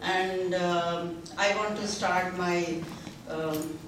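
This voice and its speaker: This seminar speaker, a Hindi-speaking woman in her seventies, addresses a gathering slowly and hesitantly, full of pauses and fillers. Her fairly low voice stays steady, with background noise audible. The mic sits far off in a very echoey seminar hall.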